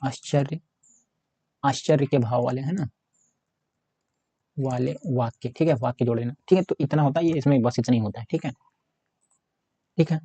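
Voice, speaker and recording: A man's voice: medium pitch, moderate pace, pauses often, warm tone, husky, no room sound, highs cut off. A man teaching a casual exam-prep grammar lesson, talking while he writes on a board and often asking "है ना?". He speaks Hindi with an Uttar Pradesh accent. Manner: repetitive, keeps asking 'है ना'; talks while writing on a board.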